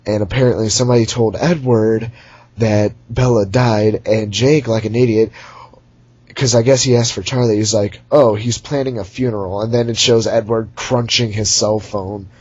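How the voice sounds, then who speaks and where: A man's voice: fairly low pitch, steady tone, normal speed, darkish tone, slightly rough, no room sound. Sarcastic young man ranting. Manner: rambling, sarcastic, mocking character voices. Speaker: movie reviewer. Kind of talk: casual rant recap. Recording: dull lo-fi home recording.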